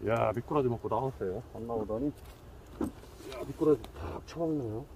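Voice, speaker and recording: A middle-aged man hosting a fishing channel, talking to himself with excited exclamations as he fishes outdoors at night by a muddy waterway. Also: medium pitch, moderate pace, a little hiss or hum. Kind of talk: fishing vlog commentary.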